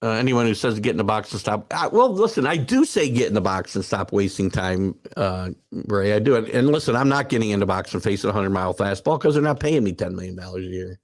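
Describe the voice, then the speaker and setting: Low-ish and fast, the voice belongs to a sixty-something man hosting a sports talk stream where he reads out viewer comments. He rambles, stumbling over fillers and restarts, until his animated replies swell into emphatic rants.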